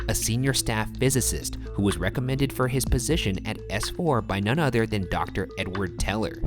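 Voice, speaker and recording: A man with a low voice narrates a documentary script in a steady, measured way. Music plays clearly behind him.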